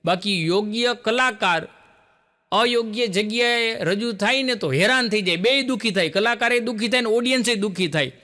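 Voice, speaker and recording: A man's voice: sits high, moderate pace, pushed and bright. A man, telling folksy jokes live to an audience as a stand-up comedian.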